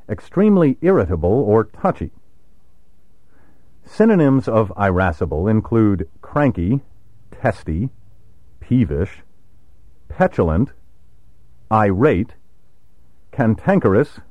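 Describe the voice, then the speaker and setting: A man's voice: lowish voice, no room sound. Wry man spelling out vocabulary. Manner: wry, precise, spells words out letter by letter. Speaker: vocabulary teacher. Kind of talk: scripted vocabulary lesson. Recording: dry, slightly dull recording.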